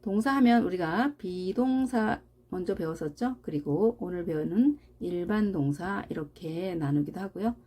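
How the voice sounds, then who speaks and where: Female language teacher; mellow, slightly breathy tone, deliberate unhurried delivery with repeated example words. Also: fairly low pitch, expressive. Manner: explains patiently with rhetorical questions. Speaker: English teacher. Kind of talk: grammar lesson.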